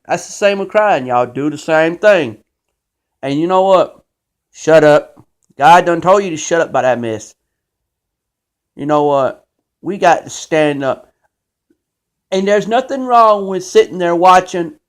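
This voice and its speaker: A man hosting his own show, delivering an impassioned, scolding monologue about faith. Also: high-pitched. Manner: preachy, emphatic, scolding. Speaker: show host.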